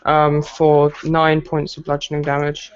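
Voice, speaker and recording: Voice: mid-range voice, completely flat delivery, unhurried. A game master running a tabletop game, chatty and joking, often correcting themself mid-sentence. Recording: dull lo-fi recording with faint noise.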